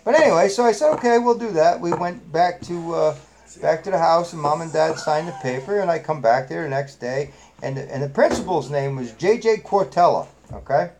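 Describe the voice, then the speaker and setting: A middle-aged man with a New England accent spins a long, salty, folksy yarn in casual live-stream chat. He rambles through his story with plenty of fillers, and his voice sits a little higher than most men's. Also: expressive, normal speed, noisy background. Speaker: host telling stories on a live stream.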